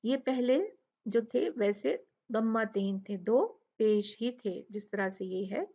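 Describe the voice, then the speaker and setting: Patient woman teaching recitation slowly. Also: medium pitch, dark tone, dull audio. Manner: patient, explanatory, repeats and drills words slowly. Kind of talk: step-by-step tajweed lesson.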